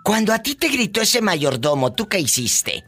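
A man's voice: sits high, big pitch swings, moderate pace, over music. A man hosting a call-in radio show, playful and campy, joking with callers and repeating catchphrases. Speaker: radio host.

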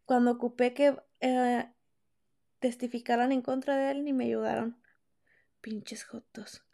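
High, gravelly Mexican woman podcaster. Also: flat delivery, normal speed, mellow. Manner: candid, slangy and profane, acts out quoted lines. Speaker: podcast host. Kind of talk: casual storytelling chat.

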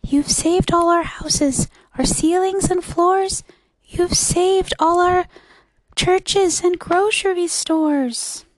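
A woman's voice: extremely high pitch, fairly even intonation, takes it slowly, no echo, pitched above the performer's own voice, rough recording. A woman voicing a tiny, courteous, grateful storybook mayor, with a small piping voice that calls out emphatically. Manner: emphatic, calling out.

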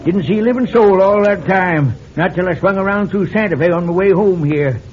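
An actor playing a jovial, boastful old prospector with folksy, excitable talk in an old western radio drama. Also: male voice, sits high, fairly quick, close to an everyday voice. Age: older. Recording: muffled vintage radio recording, faint noise.

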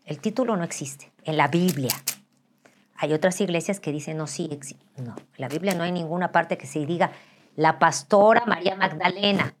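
A woman's voice: fairly low pitch, moderate pace, slight background noise. An older woman with a Mexican accent, telling candid, joking stories as an interview guest and acting out the voices. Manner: animated and joking, acts out voices. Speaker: interview guest, pastor's wife.

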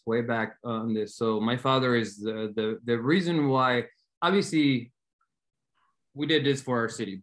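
A man's voice: mid-range voice, a bit bright. A man in his thirties from Argentina, a team owner and guest, talking eagerly and earnestly with many restarts. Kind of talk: casual interview talk.

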